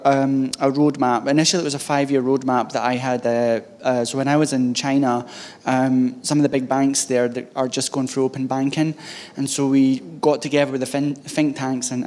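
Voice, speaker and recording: A man's voice: mid-range voice, darkish tone. A man with a thick, broad Scottish accent gives an informal tech talk to an audience, in a loose, hesitant, conversational way. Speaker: conference speaker, head of DevOps at a bank.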